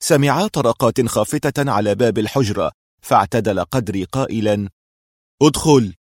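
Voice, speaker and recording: A man's voice: on the low side, a little fast, no room sound, studio quality. A man reading a thriller audiobook with dramatic, suspenseful narration.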